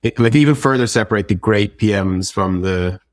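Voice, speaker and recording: Speaking a little fast, a very low-voiced man who is a tech product executive thinks out loud while explaining during a relaxed interview. The audio is close-miked and completely dry, with no room sound.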